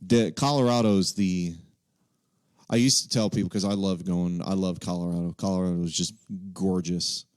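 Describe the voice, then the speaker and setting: A man's voice: sits low, steady tone, normal speed, a little mellow, clear, resonant tone, no echo, clean studio sound. A man from Texas, casually hosting a live quiz and thinking aloud as he reads out the answer options. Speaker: livestream quiz host.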